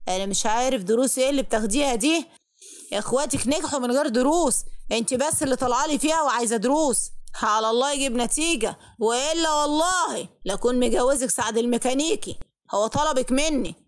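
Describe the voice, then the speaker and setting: A woman's voice: sits high, fast, lightly acted. A woman with an Egyptian accent voicing a strict, scolding middle-aged father in a spoken story. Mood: stern. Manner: harsh, scolding, threatening.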